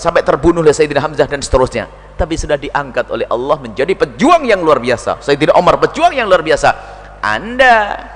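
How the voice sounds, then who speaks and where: Man preaching, high voice, sermon in a big hall with long echo, gets emotional acting out prayers. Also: a bit bright. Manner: impassioned, acts out prayers of repentance. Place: large hall before a congregation.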